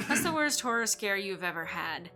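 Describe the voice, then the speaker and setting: A woman streamer with a bright, forward voice at a middle pitch. She reads and chats expressively, dropping wry asides, over faint music. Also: big pitch swings, moderate pace. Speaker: game streamer. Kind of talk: live stream reading and chat.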